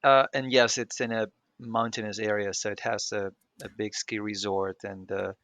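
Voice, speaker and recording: Man, interview guest, low pitch, bright forceful tone, halting speech. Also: level tone, no room sound. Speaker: guest expert. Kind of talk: casual interview chat.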